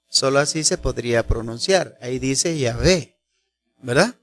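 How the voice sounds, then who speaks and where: A man preaching a sermon, teaching slowly and deliberately, asking his listeners rhetorical questions and stretching out key phrases for emphasis. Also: a little high, a bit bright.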